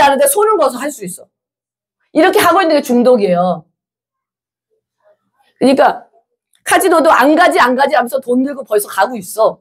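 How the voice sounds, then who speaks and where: A woman preacher delivering an animated sermon in a church, full of rhetorical questions and acted-out quotes. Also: high-pitched, breathy edge. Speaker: evangelist preacher.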